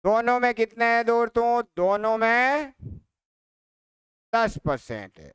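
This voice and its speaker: Very animated and very high-pitched, a man leads an exam-prep maths class without rushing, asking a question, saying it again, and supplying the answer himself. The voice is very clear, smooth and fairly bright, picked up close on a dry microphone with no echo.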